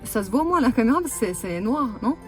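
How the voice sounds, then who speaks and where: A woman in her thirties chatting fast in a casual vlog, with many fillers, recorded in a car. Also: fairly high pitch, sing-song, faint music behind. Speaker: vlogger. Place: parked car, then at home.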